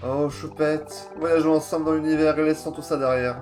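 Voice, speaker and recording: A man's voice: fairly high pitch, level tone, moderate pace, darkish tone, soft background music, close to an everyday voice. A man voicing a melodramatic, lovesick young space captain who pleads with his beloved.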